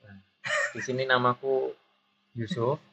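A man in his twenties with a pinched, shrill voice, chatting casually and jokingly as a podcast host. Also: flat delivery, measured pace, pushed and bright. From Surabaya, Indonesia. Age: 20s. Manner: self-deprecating, joking, informal. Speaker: guest host interviewing the podcast's founder. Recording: dull lo-fi audio with clear background noise.

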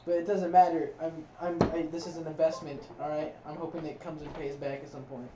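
A player in a casual tabletop game, talking excitably and over others. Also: medium pitch, fairly quick, a little hiss or hum. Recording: roomy, distant, dull recording.

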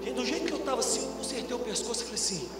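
A middle-aged man from Brazil, a pastor preaching a sermon through a long story, going from loud bursts to hushed lines. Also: very high voice, rapid-fire. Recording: music and long reverb in a big hall.

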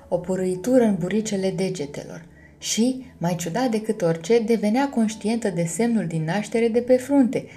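A woman narrating a children's storybook in a calm, gentle reading style. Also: fairly low pitch. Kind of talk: scripted audiobook narration.

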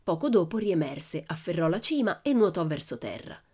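A woman narrating a children's storybook in a steady, even storytelling manner. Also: on the low side, moderate pace, breathy edge. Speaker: audiobook narrator. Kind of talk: storybook reading.

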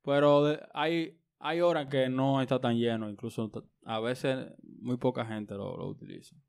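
A man's voice: mid-range voice, fairly even intonation, moderate pace, creaky, darkish tone, smooth. A man with a Dominican accent chatting casually with friends, emphatic and ranting about noise. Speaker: panelist. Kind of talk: casual group chat.

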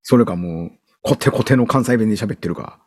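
A man with a Kansai accent co-hosting a podcast in casual chat, relaxed as he tells the story, with playful jokes. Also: fairly low pitch, a little fast, breathy edge. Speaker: podcast co-host.

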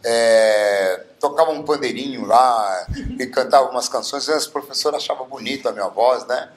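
A man in his seventies from Bauru, Brazil, appears as a guest singer in a casual interview, telling stories with many fillers. His voice is medium-pitched at a moderate pace, and the recording has a roomy echo.

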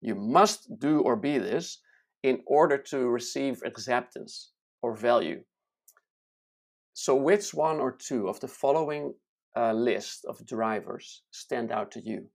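Brief: unhurried self-help teacher, calm and measured, talks through lists deliberately with pauses. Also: medium pitch, gravelly. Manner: fillers and small restarts. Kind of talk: slow, deliberate teaching talk.

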